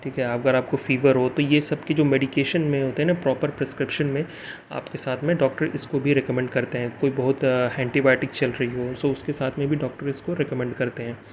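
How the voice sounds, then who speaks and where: A man of middle pitch talks through a medicine review for his channel. He halts often, restarts phrases and mixes English words into Hindi. A faint hiss of background noise sits behind him. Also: little pitch movement, fairly quick. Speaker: pharmacy vlogger.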